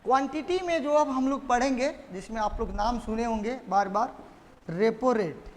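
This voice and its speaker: A very high-pitched male teacher speaks at a moderate pace, drilling his class with repeated questions and having them echo key terms. The lecture is recorded in a classroom with long reverb, with slight background noise.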